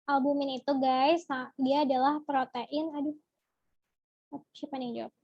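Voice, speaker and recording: A young woman runs a relaxed online biology class, tossing questions to her viewers and answering them as they come in. Her voice sits high and bright. The sound is dry and a little dull, like a simple home setup. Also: moderate pace, no echo. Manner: chatty, asks the viewers questions and answers from chat. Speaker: biology tutor. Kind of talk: casual online biology lesson.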